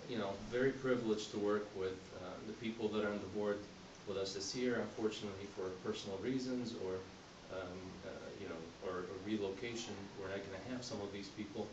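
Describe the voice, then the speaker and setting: A man from Egypt giving a candidate speech to a community group, talking in a halting way with many fillers and restarts. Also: fairly low pitch, steady tone, lo-fi sound. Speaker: board candidate. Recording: roomy hall, mic at a distance, background noise.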